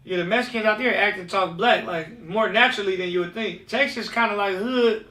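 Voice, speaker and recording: A man's voice: sits high, brisk, bright, forceful tone, recorded from a distance. A man from California, a recording artist, talking as a guest in a casual interview, telling loose slangy stories and acting out the voices of people he quotes. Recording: roomy sound, voice set back from the mic.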